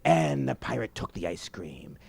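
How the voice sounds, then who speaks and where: A man's voice: medium pitch, sing-song, normal speed, vocal fry, a little mellow, husky. A man narrating an improvised bedtime story in a playful way, recorded on a home cassette tape. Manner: playful, talks to his own characters.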